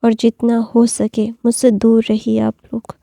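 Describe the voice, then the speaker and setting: A woman's voice: fairly high pitch, monotone, measured pace, vocal fry, dark tone, no echo, clean studio sound. A woman voicing a lovesick young male emperor who pleads tearfully and repeats himself in a storybook reading. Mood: angry.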